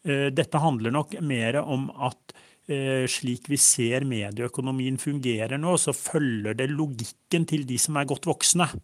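A man's voice: medium pitch, no room sound. A man speaking as an expert researcher, explaining his views in unscripted interview answers. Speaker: media researcher being interviewed.

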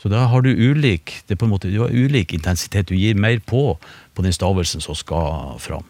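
Man, deep voice, dry studio sound, relaxed explaining, lots of fillers. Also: no echo. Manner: relaxed, hesitant, many fillers and restarts. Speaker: phonetics expert. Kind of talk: explanatory radio conversation. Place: radio studio.

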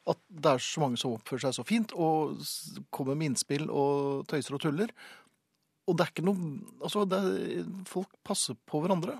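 A man co-hosting a comedic radio show, his voice gravelly and a little husky, sitting a bit higher than most men. He needles his partner with quick, teasing questions, and the studio sound is dry and close. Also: no echo. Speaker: radio host. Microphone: studio microphone.

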